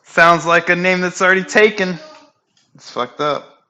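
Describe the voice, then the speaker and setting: A young man hosting a casual podcast chat at home, loose, profane and quick to laugh. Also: high-pitched, bright, forceful tone. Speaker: podcast host. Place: home room.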